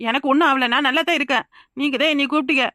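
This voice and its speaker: Cartoon: a jittery Kanyakumari young wife, high, fast, dry studio. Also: female voice, fairly even intonation, sharp tone, dry recording. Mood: urgent. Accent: Kanyakumari Tamil. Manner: rapid, insistent, pleading. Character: frightened young village wife. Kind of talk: cartoon voice acting.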